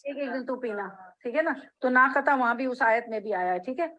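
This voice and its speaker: A woman's voice: on the high side, a bit bright, dull audio. A woman teaching a religious class, reading a text line by line, explaining each phrase and checking that her students follow. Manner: reads Arabic then explains in Urdu phrase by phrase. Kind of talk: hadith class lecture.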